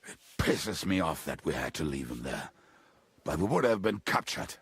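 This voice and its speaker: A gravelly, blackout-drunk robber. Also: male voice, very deep voice, big pitch swings, normal speed, no room sound, exaggerated voice. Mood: bitter, defensive. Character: drunken, gruff, bitter male robber and henchman. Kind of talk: video game dialogue acting.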